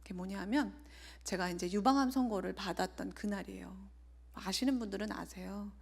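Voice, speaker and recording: A woman's voice: mid-range voice, brisk, vocal fry, husky. A woman in her forties, an evangelist, preaching and sharing a personal testimony in an earnest way, often sinking to a near whisper.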